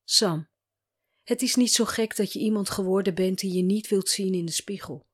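A woman narrating a first-person story as a coach, speaking calmly and gently and asking probing questions. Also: mid-range voice, normal speed, husky.

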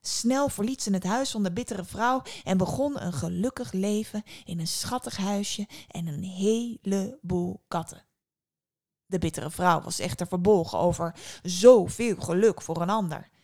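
Expressive woman reading a fairy tale. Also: mid-range voice. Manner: expressive, slowing and hushing for tense moments. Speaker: storyteller. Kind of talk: podcast fairy-tale narration.

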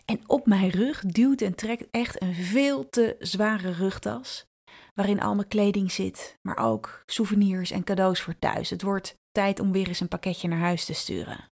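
Woman, podcast host, personal storytelling, intimate, vivid, drawn-out phrases, soft asides. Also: mid-range voice, steady tone, creaky. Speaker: podcast host and brand strategist.

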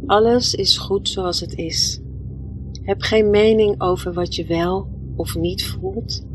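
A woman leading a guided meditation in a soft, soothing, gentle voice, leaving long pauses between phrases. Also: medium pitch, poor audio. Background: music.

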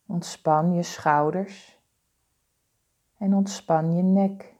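A woman leading a guided body-scan meditation, giving calm, soothing, deliberate instructions with pauses. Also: on the low side.

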